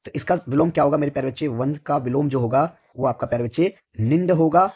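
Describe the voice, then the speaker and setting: A hoarse man teaching a vocabulary lesson for exam preparation, who asks each question, answers it himself, and keeps addressing his students fondly. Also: on the high side, fast talker, a little mellow, lo-fi sound. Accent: North Indian Hindi. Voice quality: husky.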